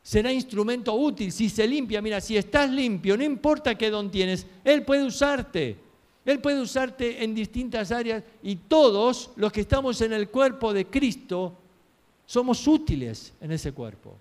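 A man's voice: very high voice, expressive, measured pace, a little mellow. A man preaching a sermon, telling stories earnestly and asking rhetorical questions.

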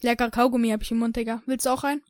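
A woman's voice: fairly high pitch, flat delivery, racing, a little mellow, a little hiss or hum, natural voice. A woman playing a cheeky eighth-grade boy who talks in rude street slang with broken grammar, in a comedic role-play sketch. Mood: cocky, bored.

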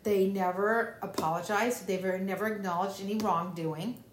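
A woman co-host talks through her points thoughtfully, leaning on what she has lived herself. Her voice sits at an everyday middle pitch, and the room gives it a roomy echo with a faint hiss behind. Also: fairly even intonation, normal speed. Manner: reflective, explains from her own experience. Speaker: podcast co-host. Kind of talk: casual advice chat.

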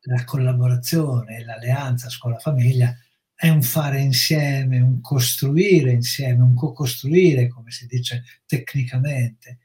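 A middle-aged man, a psychologist, explaining with measured, reflective pacing in an educational talk. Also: medium pitch, steady tone, dark tone. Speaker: psychologist guest.

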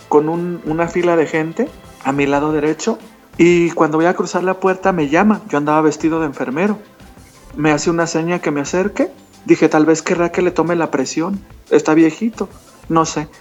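A man earnestly telling a personal testimony as an interview guest, calling the listener "hermanita". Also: on the high side. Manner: earnest storyteller who addresses the listener as "hermanita". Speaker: guest telling his conversion story. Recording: dull lo-fi sound with faint music behind.

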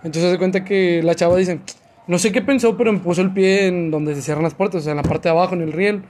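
Young Mexican man, rapid high-pitched storyteller, slangy, faint noise behind. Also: a little mellow. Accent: Mexican Spanish. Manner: fast, slangy, makes sound effects and voices. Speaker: podcast co-host telling a story. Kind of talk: casual chat, storytelling.

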